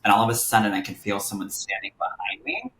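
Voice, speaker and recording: A young adult man, a guest medium, telling his personal story in an animated, chatty podcast interview. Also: on the low side, fast, reverberant.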